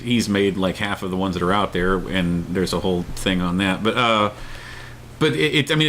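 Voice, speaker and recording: A middle-aged man co-hosts a casual opinion show, speaking emphatically and repeating himself for stress. His voice is on the low side and a bit bright, with clear background noise and room ambience in the recording.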